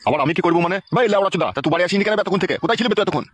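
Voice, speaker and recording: A man voicing an exasperated middle-aged father who shouts, swears and rants. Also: high voice, slightly rough, no echo. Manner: shouting, swearing, rapid ranting.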